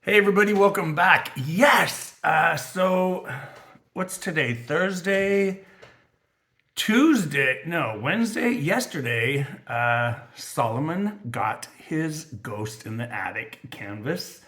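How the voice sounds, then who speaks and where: A man's voice: a little high, lively intonation, slow, pushed and bright. A man hosting his craft channel in a casual, rambling vlog chat, his voice scratchy from allergies. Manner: chatty, rambling, with frequent fillers.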